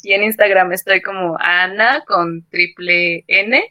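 Young female podcast guest, bright voice, unhurried, dry recording. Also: mid-range voice, steady tone, dry recording, muffled recording. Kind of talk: casual podcast chat.

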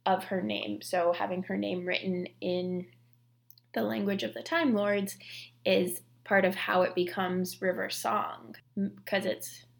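Woman, podcast co-host, casual chat, creaky, gravelly, many "like" fillers. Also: medium pitch, little pitch movement, unhurried. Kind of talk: casual chat about scripture and fiction.

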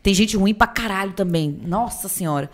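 A woman with a Brazilian Portuguese accent in casual opinion chat, chatty and informal, full of quick interjections. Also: medium pitch.

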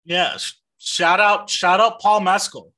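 A man's voice: sits high, fairly even intonation, unhurried, bright, forceful tone. A man co-hosting a podcast, talking casually about movies with enthusiasm and frequent swearing. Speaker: podcast co-host.

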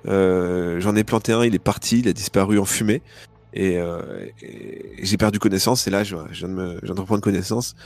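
A man voicing a hulking, wounded Russian man with a Russian accent, speaking in a grim, halting way. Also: sits low, steady tone, darkish tone, no room sound. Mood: urgent.

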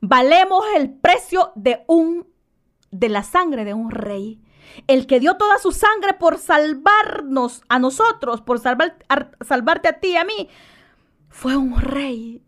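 A woman giving a fervent devotional sermon, speaking warmly to her listeners as dear friends. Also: high voice. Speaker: lay preacher.

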